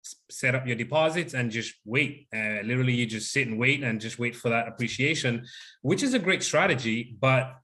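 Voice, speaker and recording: A man in his thirties, originally from Uganda, talks as an interview guest in a mid-range voice. He tells his story in a grateful, unhurried way, with many "uh" fillers along the way. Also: medium pitch, bright, forceful tone. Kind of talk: casual interview chat.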